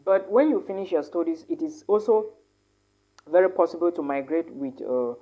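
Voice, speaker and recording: A woman with a very low voice gives casual advice on studying abroad, tossing in "all right?" and fixing her words mid-sentence. She sounds a bit tired. The recording is dull and lo-fi. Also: normal speed, dark tone. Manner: tag questions like "all right?", many fillers and self-corrections. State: tired, yawning a lot. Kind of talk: casual advice talk to camera.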